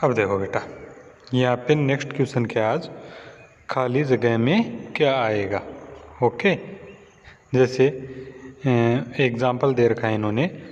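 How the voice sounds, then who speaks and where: A man's voice: mid-range voice, measured pace, pauses often. A man teaching a children's lesson in in, patiently repeating questions and calling his pupils "beta". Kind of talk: classroom lesson explaining answers. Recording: dull lo-fi audio with long reverb and faint hiss.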